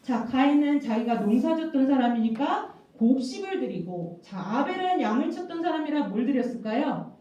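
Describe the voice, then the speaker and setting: High-voiced woman preaching to children, echoey. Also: moderate pace, far from the mic. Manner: lively, coaxing, asks children questions and repeats key words. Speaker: children's pastor. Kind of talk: children's sermon with questions to the kids. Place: church worship room. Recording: very echoey room, voice from off-mic, dull sound.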